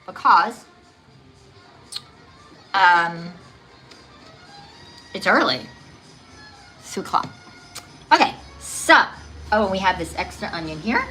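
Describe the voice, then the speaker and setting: A woman chatting casually on a cooking livestream from her kitchen, jittery and excitable as if on too much coffee, scattered and repeating herself as she talks to viewers. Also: on the low side, slow, long pauses, soft background music, low-quality recording. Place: home kitchen.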